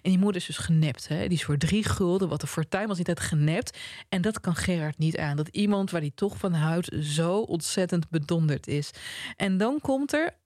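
A man co-hosting a casual book chat, telling the story with animation and reading passages aloud slowly. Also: high-pitched, dry recording, clean studio sound. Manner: animated storyteller, reads quotes slowly and softly. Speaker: podcast co-host discussing a novel.

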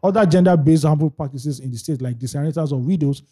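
A young man with a Nigerian accent talks at a quick clip in a slightly husky voice. He co-hosts a casual podcast, jumping between Pidgin and English and breaking off for news readings. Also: a little high. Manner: fast, animated, mixes Pidgin and English, reads news aloud. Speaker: podcast co-host. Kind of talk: casual banter with news segments.

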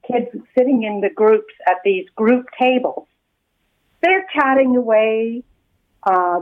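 Lady calling in over the phone, tinny thin sound, earnest and emphatic. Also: a little high. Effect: heard over the phone. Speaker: radio caller, lunch supervisor. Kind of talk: call-in radio chat.

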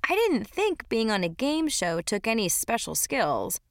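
Animated woman narrating a diary. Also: a little high, a little slow, no room sound. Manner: sarcastic, dramatic teen diary voice. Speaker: audiobook narrator. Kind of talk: first-person diary narration.

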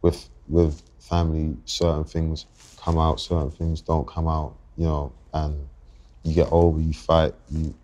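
A man in his twenties with a London accent, a guest on a podcast interview, talking reflectively and haltingly and often restarting his thoughts. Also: a bass voice, flat delivery, warm tone, dull audio. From England. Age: 20s. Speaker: guest rapper.

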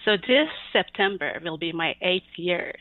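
An Iranian illustrator whose first language is Persian is a guest in a casual interview. Her fairly low, expressive voice is warm and giggly, and she speaks haltingly with many fillers and little laughs. The audio has no room sound but comes through a tinny, phone-like line.

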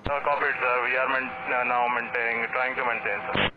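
A man, an airline pilot, speaking over a cockpit radio transmission, urgently declaring a mayday in clipped, halting phrases with restarts. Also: mid-range voice, steady tone. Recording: muffled noisy radio recording.

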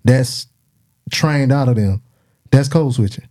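A man's voice: medium pitch, slow, mellow. A man with a South Carolina Southern accent explaining his view in casual, slangy, colloquial speech. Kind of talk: casual chat.

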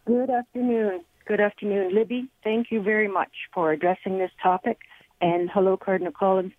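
A woman's voice: mid-range voice, fairly even intonation, moderate pace, no room sound. A woman calling in to a radio talk show over a phone line, speaking in a polite, earnest way. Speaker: caller. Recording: tinny, dry phone line.

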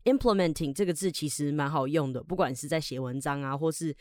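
A woman's voice: sits low, brisk, darkish tone, no room sound, studio quality. A woman from Taiwan with a Taiwanese Mandarin accent, hosting a podcast English lesson. She reads English lines aloud, then explains them in chatty Mandarin. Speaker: English teacher and podcast host.

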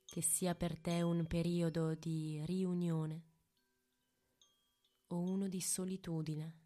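A woman leading a guided meditation in a hushed, intimate voice right by the ear, with long pauses between short phrases. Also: on the low side, flat delivery. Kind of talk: guided meditation, slow and soothing.

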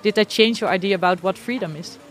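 A woman conducts a conversational interview in a mid-range voice. Her phrasing is tentative and halting as she builds up to a question, with faint city and vehicle noise in the background. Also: mid-range voice.

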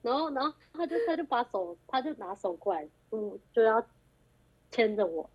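This young woman, a guest on a group call with muffled lo-fi audio, speaks at a moderate pace in a fairly high, breathy voice. She's telling a casual story and brings the quoted dialogue to life with animation.

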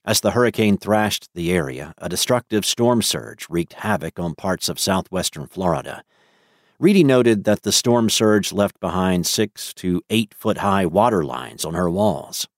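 Low-voiced male news narrator. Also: no echo, studio quality. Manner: measured, even news-reading delivery.

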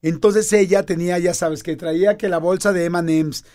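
A Mexican man in his fifties telling a personal story in casual conversation, animated and acting out quoted dialogue. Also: sits high, moderate pace.

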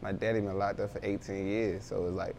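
A man's voice: on the low side, little pitch movement, fast, creaky, darkish tone, a little hiss or hum. A young man, a rapper, talking casually in an interview with loose, rambling street slang. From Baltimore, raised in Philadelphia.

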